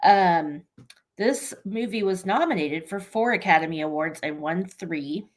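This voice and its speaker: A woman's voice: lowish voice, lively intonation, measured pace. Joking, blunt woman co-hosting a movie chat. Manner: joking, blunt, swears casually. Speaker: podcast co-host.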